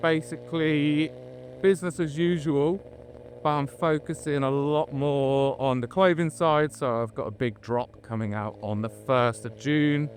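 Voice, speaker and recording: A man's voice: mid-range voice, unhurried, few pauses. A British man vlogging casually from a motorbike, rambling informally into a helmet mic as he rides. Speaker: motovlogger. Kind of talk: casual vlog chat while riding. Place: outdoors on a moving motorbike. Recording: noisy helmet mic, engine hum. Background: motorbike engine and road noise.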